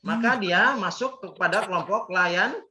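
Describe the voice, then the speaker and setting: Over a noisy crowd, a high-pitched Islamic teacher talks a little slowly, leading a call-and-response Arabic grammar class where he repeats words and quizzes students. It's an echoey, dull lo-fi recording with faint noise.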